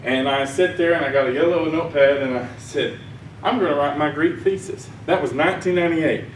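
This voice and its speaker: A man from Arkansas speaks on the high side and fairly quickly, his Southern accent carrying a rambling, folksy sermon talk at a conference. He chuckles at his own jokes. The mic is distant in an echoey conference hall, with slight background noise.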